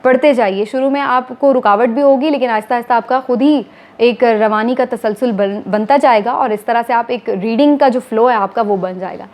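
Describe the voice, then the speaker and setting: A woman, a TV anchor calmly explaining to viewers, step by step, how to become a news anchor. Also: on the high side, moderate pace. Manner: steady, explanatory, addressing viewers formally. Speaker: TV anchor giving career advice. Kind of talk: instructional talk to camera.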